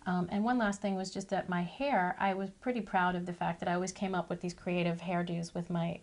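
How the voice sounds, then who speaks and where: A woman's voice: lowish voice, steady tone, fairly quick, darkish tone. A middle-aged woman, a former child actress, chatting in an interview about her past roles with playful, self-deprecating asides. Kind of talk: reminiscing interview.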